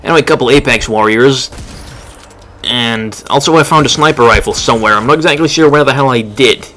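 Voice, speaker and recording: A man's voice: mid-range voice, fairly quick, bright, forceful tone. Offhand man commentating a game. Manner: offhand, wry. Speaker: let's play commentator. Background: game music.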